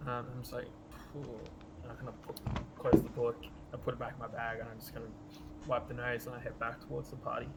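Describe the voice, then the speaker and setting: Even-toned man playing a tabletop game. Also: mid-range voice, fast. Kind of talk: casual improvised role-play talk. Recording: clearly noisy room recording.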